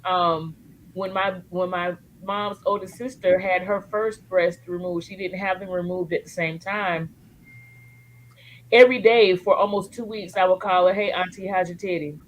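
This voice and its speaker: A woman's voice: fairly low pitch, fairly even intonation, unhurried, slight background noise, rough recording. A woman guest speaking candidly and emotionally about supporting family, earthy and joking in turns. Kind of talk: candid personal storytelling.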